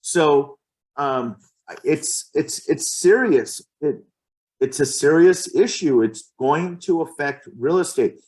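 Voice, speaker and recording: A man speaking in a fairly high voice, talking with passion in a casual podcast chat. He is emphatic and restarts his phrases as he builds to his point. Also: expressive, slow pace, a little mellow. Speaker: real estate agent.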